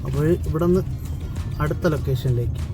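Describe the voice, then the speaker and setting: Kerala malayali guy vlogging, talks fast, drops english words in, loud music over it. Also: medium pitch. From Kerala, India. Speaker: solo travel vlogger and driver. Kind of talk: casual vlog chat to viewers. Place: mostly inside a car on the road. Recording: loud music over in-car vlog audio.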